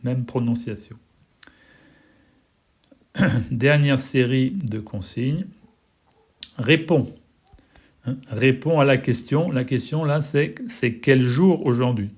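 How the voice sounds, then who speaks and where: A man explains classroom instructions at a very slow, deliberate pace. His pitch sits in an ordinary middle range. He is patient and repeats words, spelling them out letter by letter. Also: darkish tone. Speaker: French teacher.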